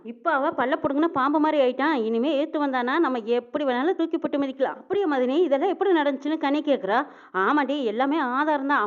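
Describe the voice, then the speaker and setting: A woman's voice: high voice, lo-fi sound. A woman retelling a television serial, acting out the characters' lines in village dialect. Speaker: serial recap narrator. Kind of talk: fast storytelling recap, voicing characters' lines.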